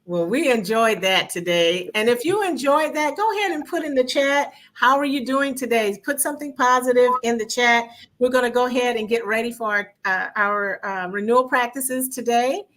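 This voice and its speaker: Upbeat woman co-host, bright voice, a little higher-pitched, reads out viewer comments. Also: moderate pace. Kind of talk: livestream hosting.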